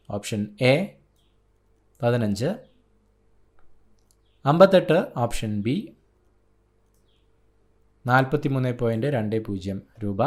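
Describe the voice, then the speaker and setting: A man's voice: medium pitch, a little mellow. A man from Kerala, an exam coaching tutor, reading out an answer key in short, clipped phrases. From Kerala, India.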